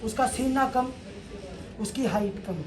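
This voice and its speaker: A woman's voice: on the high side, measured pace, a crowd in the background. A woman from Delhi, a devotee, earnestly recounting her story to a spiritual leader. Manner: earnest, recounting with quoted exclamations. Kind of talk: emotional testimony.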